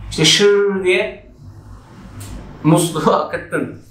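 A man teaching a grammar lesson for exam prep, lively and acting out example shouts. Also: moderate pace. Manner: lively, acts out example shouts with raised pitch. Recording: echoey room.

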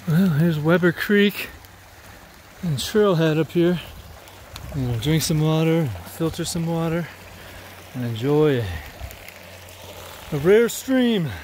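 A man's voice: on the high side, lively intonation, slow pace, a little mellow, a little hiss or hum. A man vlogging casually on a forest trail, rambling with many fillers. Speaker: thru-hiker vlogger.

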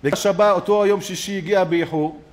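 A rabbi with a somewhat high voice gives a sermon in a synagogue. He tells the story with lively energy. He acts out the lines of each person in it. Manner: animated storyteller who acts out the quoted speakers.

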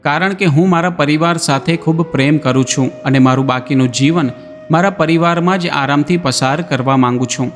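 A man's voice: a little high, brisk, close to an everyday voice. A male narrator voicing a grieving old village man who pleads with folded hands. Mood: pleading. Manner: imploring, tearful pleas. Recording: long reverb, background music.

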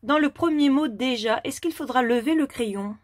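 A woman teacher giving a slow, step-by-step handwriting lesson to a young child. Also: sits high, dry recording.

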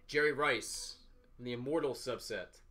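Inside a small office, a man in his thirties hosts a sports card box-break show, calling out each item in short, clipped phrases during unboxing commentary. His medium-pitched voice is pushed and bright, at a moderate pace.

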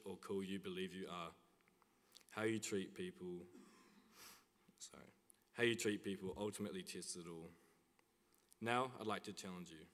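Young man's deep voice in a reverberant chapel. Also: fairly bright tone. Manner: earnest, reads from notes with small restarts. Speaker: student chapel speaker. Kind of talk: prepared chapel address. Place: large school chapel, at a lectern. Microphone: lectern mic. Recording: long hall reverb.

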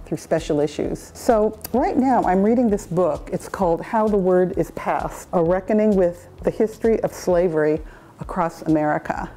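An older woman, a project director, making a measured appeal to camera from a home office. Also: on the low side, dark tone.

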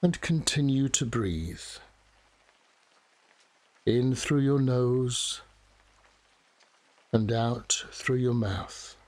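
A man leads a guided meditation in a soft, soothing voice of medium pitch. He speaks very slowly, leaving long pauses between short phrases. Steady rain falls behind him. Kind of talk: guided relaxation meditation narration.

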